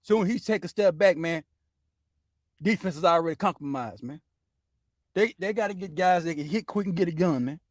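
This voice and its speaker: Male sports show host, high-ish voice, dry close sound, profane ranting delivery. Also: moderate pace, long pauses, dry recording. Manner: loose, profane, says "man" constantly. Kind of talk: casual sports rant.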